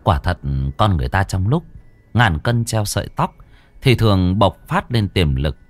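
A man narrating a scripted horror story with lively, dramatic delivery. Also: on the low side, normal speed. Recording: dry close voice, faint music.

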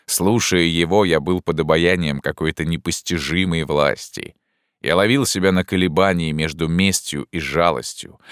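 A man narrating a first-person audiobook in a measured, dramatic reading, recorded close in a studio. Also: extremely low pitch, dry recording.

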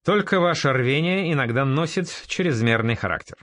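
A man's voice: medium pitch, animated, normal speed, a bit bright, dry recording, clean studio sound, voice pushed up, lightly acted. A man voicing an insinuating, probing male council advisor in an audiobook.

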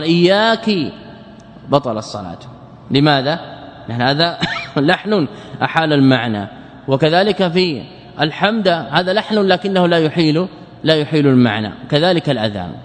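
A man with a somewhat high voice gives a religious law lesson, carefully explaining rules step by step. He keeps asking himself "why?" and answering. His voice rings out with a long hall reverb. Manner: asks rhetorical questions and answers them himself; chants short sample phrases to show errors. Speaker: teacher of Islamic jurisprudence.

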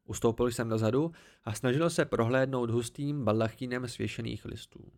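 A man reading an amateur audiobook in a calm, even storytelling manner. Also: medium pitch. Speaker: audiobook narrator.

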